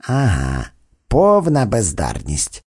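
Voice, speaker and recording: A spoiled, freckled fat boy, put on by a man reading a storybook, drawling his scornful complaints. The voice is mellow and husky, and it swoops around a lot. The read is dry and close. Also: on the low side, huge pitch swings, slow pace, pitched below the performer's own voice, full character voice. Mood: sulky.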